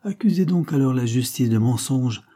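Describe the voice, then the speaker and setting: A man's voice: medium pitch, animated, normal speed, dark tone, voice pushed up, lightly acted. A man voicing a resolute noble duke in a read-aloud novel, speaking firmly and with authority. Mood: cold.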